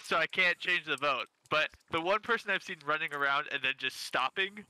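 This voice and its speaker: A man's voice: a little high, brisk, bright, forceful tone, smooth, no room sound, low-quality recording. A man in casual voice chat with other players, methodically arguing his case and talking over others. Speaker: player in an online social deduction game.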